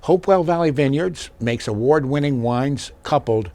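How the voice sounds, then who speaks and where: A man's voice: medium pitch, expressive, normal speed, dark tone. A man hosting an interview in a studio, reading a scripted introduction and asking questions. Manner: scripted introduction, brief listening affirmations. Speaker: host.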